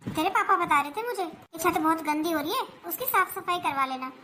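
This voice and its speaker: Skit figure: high, bright voice doing a grumbling older mother-in-law, complaining and self-pitying, faint hiss behind. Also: expressive, fairly quick, heavily acted. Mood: scolding. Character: nagging older mother-in-law with aching knees. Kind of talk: family comedy skit.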